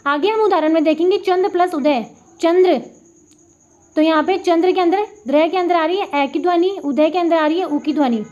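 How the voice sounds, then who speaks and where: A woman's voice: extremely high pitch, darkish tone. A woman tutor with a Rajasthani Hindi accent, explaining grammar examples one sound at a time and pointing out each one as she goes. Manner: patient, step-by-step, repeats sounds slowly and points at the board. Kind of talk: classroom lesson explaining examples. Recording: dull lo-fi audio.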